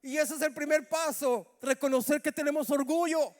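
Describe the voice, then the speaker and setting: A man's voice: very high voice, steady tone, normal speed. A middle-aged male pastor, preaching a Bible study sermon and calling out often to the brothers in the congregation. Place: church hall. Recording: reverberant church hall.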